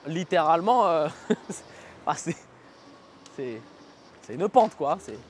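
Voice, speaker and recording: A high-pitched male vlogger talks off the cuff as he rides outside. His delivery is informal and slangy, as he thinks out loud. There is faint vehicle and outdoor noise behind him. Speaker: vlogger reviewing an electric scooter. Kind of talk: casual spoken vlog commentary while riding. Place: outdoors, riding on city roads.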